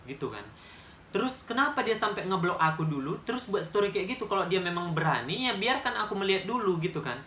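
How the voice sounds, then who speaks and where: Young man, 20s, Medan accent, emphatic casual storytelling, fairly high voice, roomy echo. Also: big pitch swings, fast, pushed and bright, a little hiss or hum. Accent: Medan Indonesian. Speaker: vlogger.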